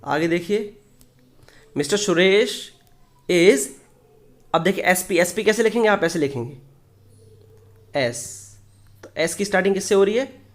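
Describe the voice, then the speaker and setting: A man teaching English grammar in Hindi. He explains step by step, asks the class questions and answers them himself, and reads the example sentences slowly. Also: sits high, lively intonation.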